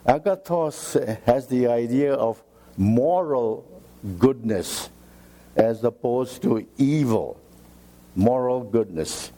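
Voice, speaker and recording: A man preaching a sermon, slow and emphatic, repeating key phrases for weight. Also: medium pitch, dark tone.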